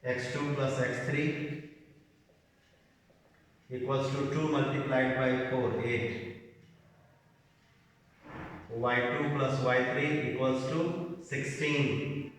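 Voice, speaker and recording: A man teaching a maths lesson in Indian English, talking his way slowly through each step as he works it out on the board. His voice comes from a distance and rings with a long, hollow echo. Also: medium pitch, steady tone. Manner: spells out each coordinate and step aloud while writing. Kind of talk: slow board-work lesson, dictating steps. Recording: echoey room, voice from a distance.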